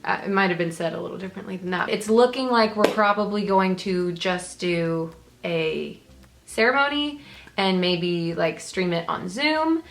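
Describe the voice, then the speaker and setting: A woman's voice: fairly low pitch, normal speed, creaky. A young woman hosting a vlog, telling a story in a chatty, casual way with frequent "like" fillers. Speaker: vlogger and host.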